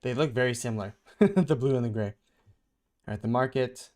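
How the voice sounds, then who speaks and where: A man hosting a vlog, chatting casually and thinking out loud while he reads a comic aloud. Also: mid-range voice, normal speed. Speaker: vlog host.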